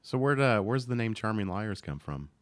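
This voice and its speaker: A man hosting a music podcast interview, relaxed, mostly brief interjections. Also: on the low side, moderate pace, no echo, clean studio sound. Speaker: podcast host. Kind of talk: casual interview.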